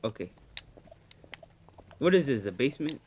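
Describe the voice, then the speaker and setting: A young man plays a horror game as a scared, jumpy streamer, chatting casually and exclaiming. His pitch swings widely, and there is clear noise behind his voice. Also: big pitch swings, moderate pace, a little mellow. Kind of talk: casual gameplay commentary with a friend.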